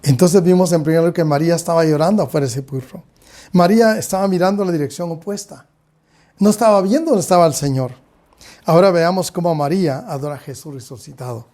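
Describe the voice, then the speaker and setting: A man's voice: a little high, fast talker, mellow. A man with a Guatemalan Spanish accent, a pastor preaching a sermon and often calling out to his congregation. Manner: preaching, often calls out to the brothers and sisters.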